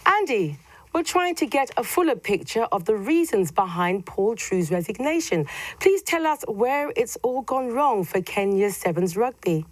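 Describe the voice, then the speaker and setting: A woman presenting a sports news bulletin in a crisp, measured scripted delivery and interviewing a guest. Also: a little high, very animated, no echo.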